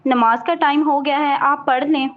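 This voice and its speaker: A quiet, timid young woman who speaks softly and fearfully, voiced by a woman. The voice is high, and the lo-fi recording sounds dull. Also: steady tone, normal speed, natural voice. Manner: soft and fearful.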